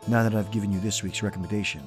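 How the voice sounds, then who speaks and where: A man with a low voice performs as a horror host. His scripted delivery is theatrical and playfully macabre, a showman of spooky tales. Soft music plays behind him. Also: steady tone, very fast.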